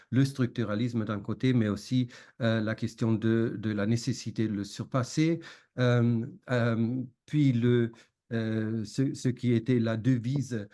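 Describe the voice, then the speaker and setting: Slow, halting man with a foreign accent. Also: medium pitch, warm tone. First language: not French. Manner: halting, hesitant with frequent long fillers. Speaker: academic lecturer. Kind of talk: academic seminar presentation.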